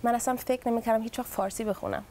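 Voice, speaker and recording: A woman's voice: a little high, fairly even intonation, mellow. A young woman from Germany with a Mashhadi Persian accent tinged by German, chatting cheerfully as a guest singer on a talk show. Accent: Mashhadi Persian with German influence. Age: young adult. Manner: giggly, cheerful, easygoing. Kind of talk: casual interview chat.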